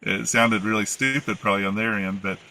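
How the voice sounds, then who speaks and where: Appalachian guy telling stories in an interview, lowish bright voice, kinda rambly. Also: brisk, slight background noise. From United States. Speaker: interview guest, former flight attendant. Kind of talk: casual conversational storytelling.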